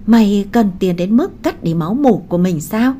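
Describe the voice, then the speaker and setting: A woman doing a caring worried best friend, pleading, mellow tone, storybook reading. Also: mid-range voice, expressive, moderate pace, slight background noise, natural voice.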